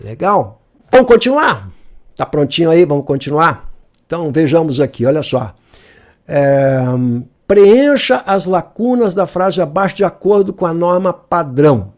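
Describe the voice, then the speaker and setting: Lively, joking man teaching a lesson. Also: a little high, unhurried. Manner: lively, joking, asks the viewer questions often. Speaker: Portuguese teacher. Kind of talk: exam-review lesson.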